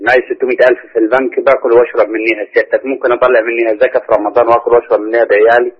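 Rapid, husky Egyptian man calling in. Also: mid-range voice, flat delivery. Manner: rapid, pressing, interrupting. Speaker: caller. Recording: muffled phone call.

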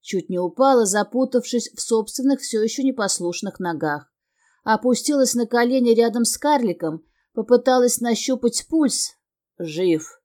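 A woman narrating a fantasy novel in the first person with steady, expressive storytelling. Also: a little high. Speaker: audiobook narrator.

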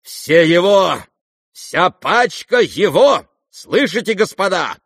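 A man voicing a proud, reckless young woman who is defiant and theatrical, calling out loud commands in a raised voice. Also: mid-range voice, wildly swooping pitch, slow, no room sound, studio quality, heavily acted. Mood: defiant commanding.

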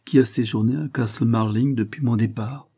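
A man voicing a stern, blunt older earl who questions pointedly, in a husky voice. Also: mid-range voice, steady tone, normal speed, warm tone. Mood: stern, probing. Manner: pointed, questioning, rising emphasis.

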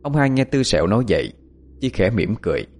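Male horror narrator, low, animated, suspenseful. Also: quick pace. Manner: expressive, suspenseful. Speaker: storyteller.

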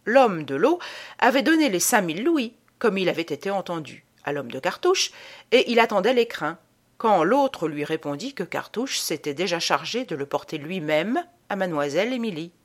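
A woman reading the part of a Parisian man recounting a roguish tale in an audiobook, with lively playful storytelling. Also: lowish voice, normal speed. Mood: amused.

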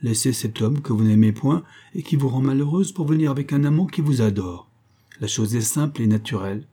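A man's voice: medium pitch, fairly quick, dark tone, breathy edge, voice pushed up, close to an everyday voice. A man reading the part of a bold young cavalier lover, gallant and theatrical, in an audiobook.

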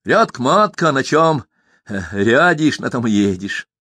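A man's voice: medium pitch, big pitch swings, a little slow, sharp tone, no echo, pitched above the performer's own voice, full character voice. A man voicing a poor village peasant who haggles and grumbles in rustic speech. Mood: haggling.

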